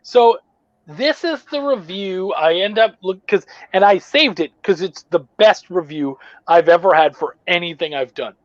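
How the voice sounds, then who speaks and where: A comic book writer guesting on a podcast tells a story in casual chat, swearing a lot and restarting his sentences in a profane, rambling, animated retelling. His high-sitting voice is unhurried, with no echo and the highs cut off.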